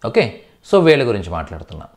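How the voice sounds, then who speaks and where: A man's voice: lowish voice, wildly swooping pitch, fast. A man teaching a live online class, explaining step by step and often asking students whether they understood, drawing out syllables when he spells out sounds. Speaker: Hindi teacher.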